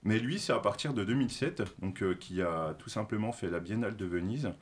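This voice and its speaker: A man's voice: lowish voice, expressive, a little fast. A man presenting a segment on a talk show, explaining from his notes with a lot of filler sounds, self-corrections and light self-mocking asides.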